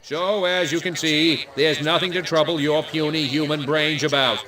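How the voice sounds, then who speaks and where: A man's voice: fairly high pitch, fairly even intonation, moderate pace, crowd noise, natural voice. A man voicing a male alien disguised as a human mayor, awkwardly faking being human in a stiff, pompous official address. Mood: smugly dismissive. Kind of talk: game cutscene acting. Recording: distant voice over background music.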